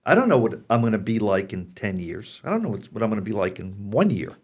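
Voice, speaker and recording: Very animated and fast, an American pet show host in his sixties speaks frankly and casually to the people watching. His lowish voice has a darkish tone and a breathy edge.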